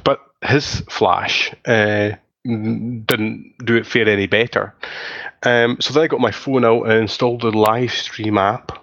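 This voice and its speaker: A man's voice: lowish voice, fairly even intonation, unhurried, gravelly, a bit bright, no echo. A man hosting a casual podcast chat, telling stories in a rambling, self-correcting way. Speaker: podcast host. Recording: slightly muffled lo-fi audio.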